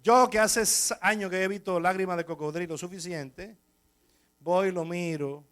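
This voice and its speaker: Dominican pastor man, high voice, chatty storytelling sermon. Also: normal speed, clear, resonant tone. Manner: lively, anecdotal, chatty with the congregation.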